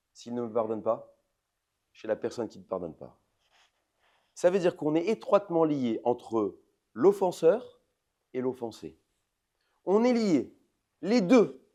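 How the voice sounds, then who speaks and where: Emphatic man lecturing, dark mellow voice. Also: medium pitch. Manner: swings between loud emphatic outbursts and soft intimate asides; addresses the audience directly with questions. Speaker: rabbi giving a lecture. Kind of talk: lively religious lecture to an audience.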